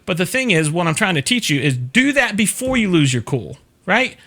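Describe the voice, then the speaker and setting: A man's voice: high voice, sing-song, moderate pace, bright, forceful tone. A middle-aged man hosting an advice show, explaining in a casual, conversational way and often checking that listeners follow.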